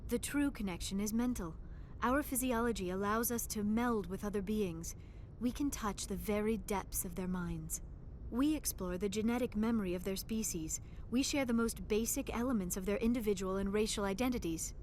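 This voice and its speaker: A young alien woman scientist, the crew's archaeologist in a video game, is voiced by an actress in a lightly acted, calm explanatory mood. The voice is medium in pitch and darkish, at normal speed, with faint hiss or hum. She sounds shy and earnest, choosing formal, precise words.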